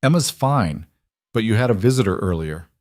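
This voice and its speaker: A man's voice: fairly low pitch, expressive, moderate pace, a little mellow, no room sound, clean studio sound, natural voice. A man voicing a female babysitter who speaks carefully and hesitantly. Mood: uneasy. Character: uneasy female babysitter bringing bad news.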